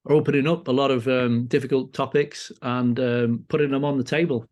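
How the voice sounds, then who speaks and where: A man from Lancashire with a Lancashire accent, talking as a podcast guest in a halting way, full of restarts. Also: mid-range voice, fairly even intonation, a little mellow. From Lancashire, England. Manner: halting, many restarts and fillers. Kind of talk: casual conversation. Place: farm community temple in Scotland.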